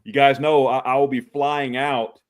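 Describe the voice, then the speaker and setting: Man, from Texas, livestream talk show host, casual friendly chat, frequent chuckles, middle pitch. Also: level tone, normal speed. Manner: friendly, calls people brother, chuckles often.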